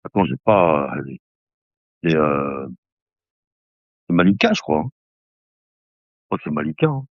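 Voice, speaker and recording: A man in his late fifties rambles in a relaxed, chatty way on a live stream, laughing often and calling his viewers brother, speaking at a measured pace with long pauses. His voice sits very low. The audio is dull, lo-fi, dry and close, with no room sound.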